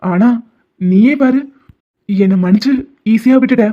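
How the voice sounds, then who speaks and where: In dull, lo-fi audio with a little music behind it, a voice actor dubs an animated love story's male lead, a headstrong young doctor. Unhurried and mid-range, sounding close to everyday speech, he teases the heroine with pet names and insists she's his wife.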